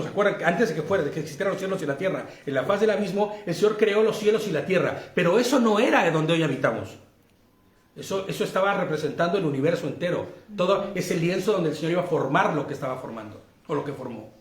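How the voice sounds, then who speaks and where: A Mexican man with a high-pitched voice leads a Bible study. He keeps asking his listeners questions and laughs easily as he explains. The sound carries a roomy echo. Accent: Mexican Spanish. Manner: laughs easily while teaching. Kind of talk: interactive Bible study lesson.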